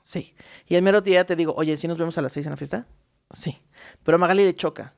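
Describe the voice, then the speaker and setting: A woman's voice: on the low side, fast, gravelly, a little mellow. Chatty Mexican woman telling stories. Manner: storytelling, breaks into song and laughter. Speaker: podcast co-host. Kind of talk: casual chat.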